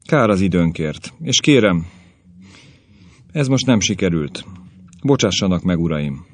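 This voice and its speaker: A man's voice: deep voice, animated, no room sound. A man voicing a formal, precise professor who lectures his colleagues and runs a word-association test. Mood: dismissive. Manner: formal and instructive. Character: precise, dry male professor testing a subject.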